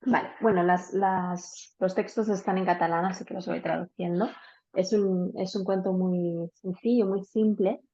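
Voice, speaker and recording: A woman reads a simple story aloud to her class in a calm, unhurried way. Her voice is mellow and soft. It comes through a dull, lo-fi video call. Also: medium pitch. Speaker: teacher.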